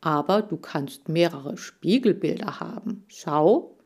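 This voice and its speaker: A woman voicing a clever, calm male hamster who explains things in a measured, dry way. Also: low-pitched, breathy edge, heavily acted. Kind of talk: audiobook character voice.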